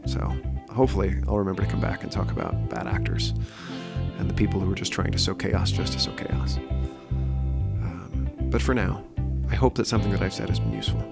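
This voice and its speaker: Earnest low gravelly man, podcast host. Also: sing-song, a little fast, loud music behind the voice. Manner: earnest, thinking aloud with fillers and restarts. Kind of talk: solo podcast commentary.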